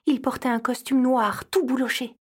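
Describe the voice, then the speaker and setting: Breathy woman narrating a storybook. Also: high voice, moderate pace. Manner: expressive storytelling. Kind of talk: scripted narration.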